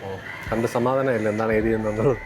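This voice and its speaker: A man's voice: fairly low pitch, fairly even intonation, fast talker. A man with a Kerala accent chatting casually as a vlogger, mixing Malayalam and English and addressing his viewers as guys. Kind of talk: casual vlog chat.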